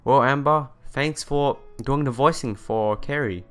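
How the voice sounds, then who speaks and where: A young man plays a visual novel for viewers as a let's player, reading the text aloud and commenting in a casual, earnest way. His voice is mid-range and a little bright, and he keeps a measured pace over game music.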